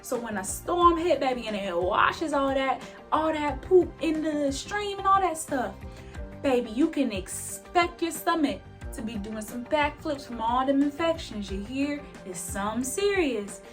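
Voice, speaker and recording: A woman's voice: high voice, lively intonation, unhurried, faint music behind, pitched above the performer's own voice. A woman playing a folksy rural southern male farmer who drawls and calls people honey and baby.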